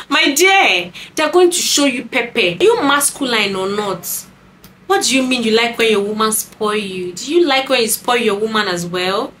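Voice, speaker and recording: A woman talks straight to her viewers, emphatic and sassy, dropping scolding asides as she warns them about men. Her voice sits fairly high for a woman, with a faint hiss of room ambience behind it. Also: a bit bright, low-quality recording. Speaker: vlogger giving dating advice. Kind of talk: casual talk to camera.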